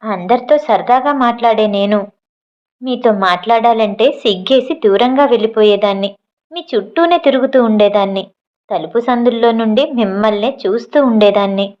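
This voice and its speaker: A woman's voice: on the high side, normal speed, close to an everyday voice. A woman reading a shy young bride's lines with emotional, pleading questions, in a dull lo-fi recording. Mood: loving. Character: shy young bride, loving and playfully cross.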